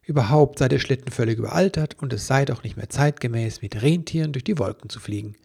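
Man doing a female elf inventor, earnest, explaining, gravelly, husky. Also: mid-range voice, quick pace, mellow. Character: clever, quick-tempered female elf inventor.

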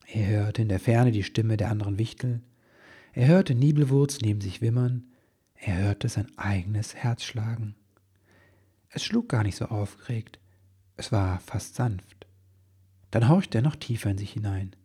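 A man narrating a children's storybook in a gentle, measured way, with a very husky voice. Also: lowish voice.

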